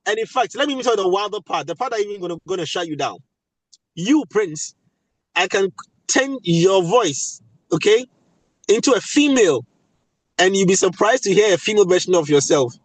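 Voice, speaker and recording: Man, Ghanaian West African accent, high-pitched, emphatic panel talk, repeats key phrases, dry sound. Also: animated, a little fast, dry recording, rough recording. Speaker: voice actor and audio producer speaking at a webinar.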